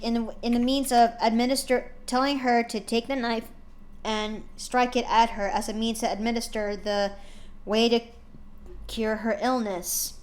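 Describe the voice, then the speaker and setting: A woman streamer with a fairly high voice chats casually with her viewers while narrating a fanfic. She often halts, using fillers and restarting her sentences.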